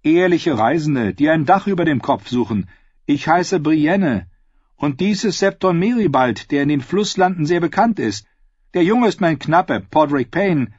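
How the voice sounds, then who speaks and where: A man doing a steady, formal woman knight. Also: on the high side, husky, no room sound, dull audio, pitched above the performer's own voice. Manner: formal, measured introductions.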